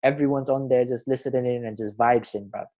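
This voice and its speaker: A man's voice: medium pitch, steady tone, a little fast, warm tone. Young London roadman chatting in slang. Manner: slangy, peppers talk with bruv, fam and blood. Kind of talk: casual banter.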